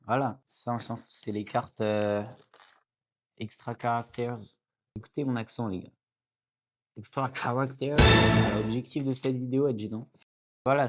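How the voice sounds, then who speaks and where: An excitable man giving casual pack-opening commentary to his viewers. He is chatty and talks to the audience as "guys", often jumping into high, excited exclamations and jokey asides. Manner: excitable, chatty, keeps addressing viewers as "les gars". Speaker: card-opening YouTuber.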